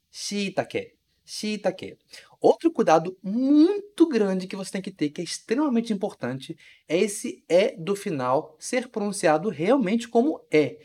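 A language teacher gives a recorded video lesson, repeating each word slowly and often checking that the learner understands. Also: medium pitch, a little mellow.

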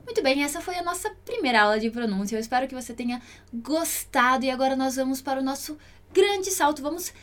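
A woman teaching an online language lesson, modeling pronunciation by repeating words slowly and clearly. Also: sits high, animated. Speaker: Italian teacher.

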